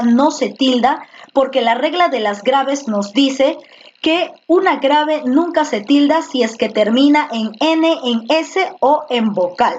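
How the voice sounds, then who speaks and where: High-voiced woman teaching an online class. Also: a little hiss or hum. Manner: patient, repeats words and quizzes students. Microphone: computer microphone in a video class. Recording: slightly muffled lo-fi audio.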